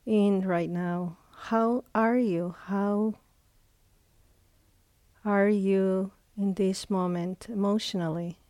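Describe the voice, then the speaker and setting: A woman teacher guides a meditation in short phrases separated by long, unhurried pauses. Her mid-range voice is steady and dark in tone, with no room sound.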